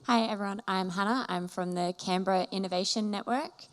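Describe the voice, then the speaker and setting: A woman's voice: medium pitch, steady tone, brisk. A woman who supports startups at an innovation network, introducing herself to a panel in a friendly way with frequent fillers.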